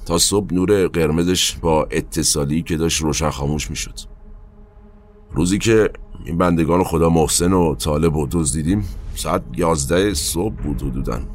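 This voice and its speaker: A man narrating his own past in a colloquial, halting way, with asides and trailing fillers, over faint background music. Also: a bass voice, slight background noise. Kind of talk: first-person spoken recollection.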